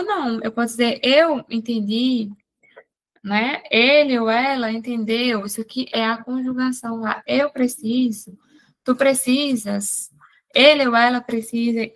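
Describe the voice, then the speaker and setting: Woman teacher, slightly high voice, unhurried exam-prep grammar lesson, answers her own questions as she goes. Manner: explains step by step with quick rhetorical questions. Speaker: Portuguese teacher.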